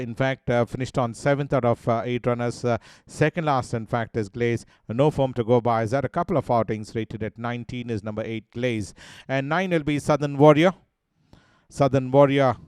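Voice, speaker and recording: A man with an Indian English accent presenting a horse racing preview, working through each runner's form in a steady, listing way with many "uh" fillers. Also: mid-range voice, clear, resonant tone, no echo. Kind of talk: race preview commentary over replays.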